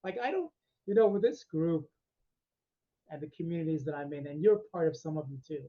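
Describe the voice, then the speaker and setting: Energetic man on a muffled video call. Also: on the high side, a little fast. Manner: energetic, effusive, talks with laughs. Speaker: meditation guide and host. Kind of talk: casual group chat after a meditation.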